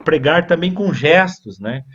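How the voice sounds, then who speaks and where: A man's voice: a little high, expressive, a little slow, a bit bright, a little hiss or hum. A man teaching a church leadership class on preaching, reading from notes and then drifting into chatty asides to his brothers. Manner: reads from a text then digresses into chatty asides with "né, irmãos". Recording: dull lo-fi recording.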